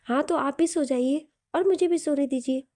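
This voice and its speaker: A sleepy, sulky young wife, complaining drowsily to her husband, as a woman storyteller plays her. The voice is fairly high, mellow and dark. The sound is dry and close to the mic. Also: moderate pace, no echo, close to an everyday voice. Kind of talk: audio story reading.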